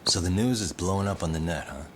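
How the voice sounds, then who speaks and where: A man's voice: deep voice, fast, slight background noise, natural voice. An actor playing a guarded, dry-witted male private detective in a video game, speaking curtly. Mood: serious, questioning. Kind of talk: English video game voice acting. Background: guitar music.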